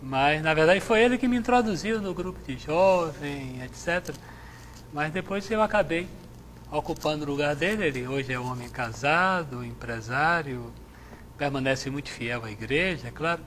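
A middle-aged man, a Jesuit priest from Salvador, answering interview questions in a measured, reflective way on a lapel mic in a TV studio. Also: on the high side, fairly bright tone, slight background noise. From Salvador, Bahia, Brazil. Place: TV studio with chapel set.

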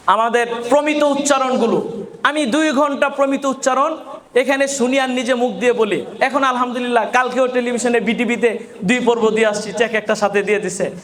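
A man's voice: very high-pitched, fairly bright tone. A man from Bangladesh, an Islamic scholar, gives a farewell motivational speech to students and keeps asking them rhetorical questions. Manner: asks the audience rhetorical questions.

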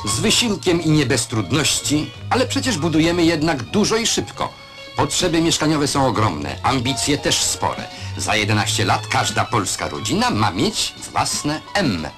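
Huge pitch swings mark this man's proud, declamatory newsreel narration, delivered in the old voice-over manner at a moderate pace. He tosses in rhetorical questions, and music sits under the archival soundtrack from start to finish.

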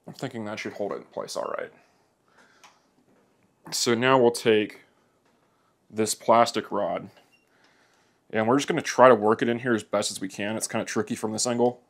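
Working in an indoor workshop, a man explains how to do a plastic welding repair on a motorcycle, keeping it easygoing and plainspoken. His voice is fairly low and steady, at a normal speed, and he pauses often.

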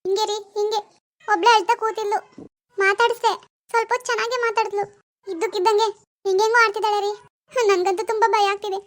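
A woman voicing an anxious middle-aged mother in an animated family drama, fretful, pleading and shrill. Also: fast talker, pauses often.

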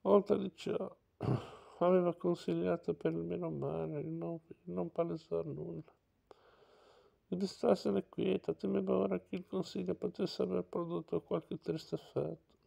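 A man's voice: sits high, fairly even intonation, a little slow, gravelly, mellow, rough recording. A man reading a classic novel aloud, with small slips, self-corrections and casual asides.

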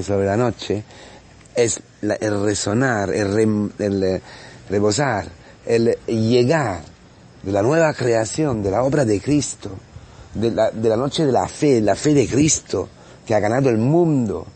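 A man, a priest giving a homily on the day's Gospel, impassioned and repetitive, halting often to restart his phrases. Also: on the low side, mellow. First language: Italian.

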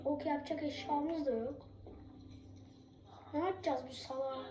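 A young-sounding gamer giving casual commentary while playing a survival game, yelling orders and swearing at enemies in the game. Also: high voice, fairly even intonation, normal speed, noisy background. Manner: urgent repeated commands. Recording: roomy echo with loud game music.

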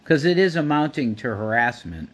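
A man's voice: medium pitch, very animated, normal speed. A man in his thirties talking casually on a livestream at home, indignant and rambling, swearing freely. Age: 30s. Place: small dim room at home, indoors.

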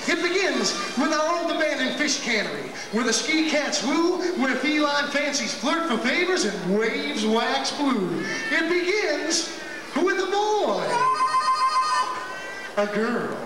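Echoey stage PA, swaggering cool cat, high-pitched, unhurried, showy, teasing storyteller. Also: male voice, sing-song, background noise, heavily acted. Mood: storytelling. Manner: showy, drawn-out, teasing beat-poet delivery. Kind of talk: theatrical rhyming stage-show narration. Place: outdoor lakeside amphitheatre water-ski show. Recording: echoey outdoor stage PA, music behind.

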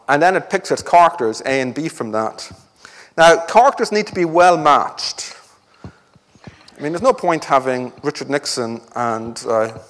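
A man's voice: medium pitch, in a large hall. A man giving an academic conference talk with a wry, joking delivery. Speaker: conference speaker. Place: lecture hall.

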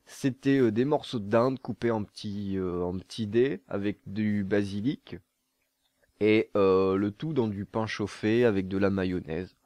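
A man's voice: on the low side, unhurried, a little mellow, dry recording. A young man from southern France answering viewer questions to camera in a casual, jokey way, laughing at his own jokes and stumbling over fillers.

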